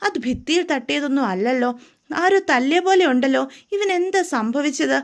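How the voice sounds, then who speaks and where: A woman's voice: sits high, expressive, fairly quick. A woman voicing a nagging, suspicious middle-aged mother who presses her son with question after question. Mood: prying, scolding. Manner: prying, scolding, insistent questions.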